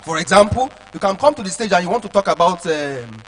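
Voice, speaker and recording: A man teaches public speaking to children in a lively, high voice. He keeps stopping to check that his listeners follow. A faint hum sits under his words. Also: quick pace, low-quality recording. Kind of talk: lecture to children.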